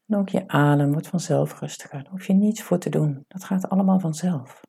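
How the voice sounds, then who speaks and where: A woman with a deep voice leads a guided meditation, speaking softly and breathily. She gives calm, soothing directions, pausing without hurry.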